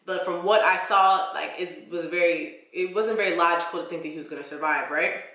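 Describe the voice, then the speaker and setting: A young woman with a bright, forceful voice talks straight to her viewers, telling a story from her life. Her speech is casual and slangy, full of "like"s. The recording has the bounce of an echoey room. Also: on the low side, fairly quick. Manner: expressive, slangy storytelling with many "like"s. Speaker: vlogger. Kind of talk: storytime vlog.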